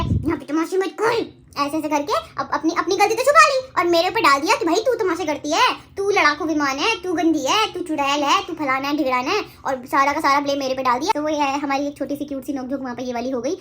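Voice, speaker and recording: A woman vlogger in casual storytelling to camera, chatty and animated, talking straight to her viewers. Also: sits high, a little hiss or hum.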